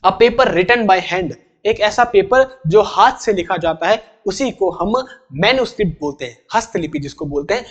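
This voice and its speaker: A man's voice: sits high, animated. A man with an Indian accent teaching English vocabulary for exams, explaining each term in Hindi step by step and repeating the key words. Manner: reads English definitions slowly, then explains in Hindi. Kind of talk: exam-prep vocabulary lesson.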